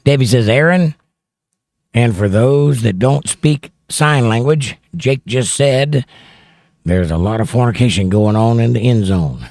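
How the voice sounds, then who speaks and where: A man hosts a casual livestream, reading viewer comments aloud and chatting about them into a close studio mic held near his mouth. His mid-range voice is animated and darkish, a little slow, with no room sound.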